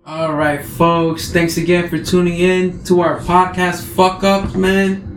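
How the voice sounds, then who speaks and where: A man's voice: sits high, flat delivery, takes it slowly. A man hosting a podcast, loose and slangy with a lot of swearing. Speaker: podcast host. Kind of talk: casual podcast chat. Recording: echoey room, faint noise.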